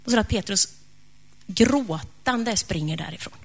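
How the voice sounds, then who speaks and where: A woman preacher retelling a story in a lively, conversational sermon. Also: medium pitch, breathy edge.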